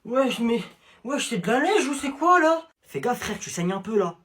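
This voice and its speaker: A young man with doing comedy sketches, joking and bantering in a lively way. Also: very high voice, normal speed, a little hiss or hum.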